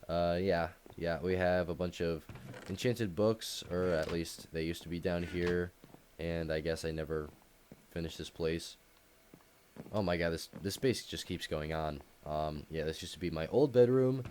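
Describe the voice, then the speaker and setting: A young man casually touring his game world, rambling with frequent ums and soft laughs. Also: low-pitched, a little hiss or hum. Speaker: gaming YouTuber. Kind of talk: casual game tour commentary.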